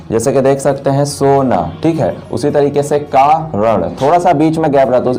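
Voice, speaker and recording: A man teaching a grammar lesson, patiently explaining and drawing out each example word slowly while he writes. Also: mid-range voice, dark tone.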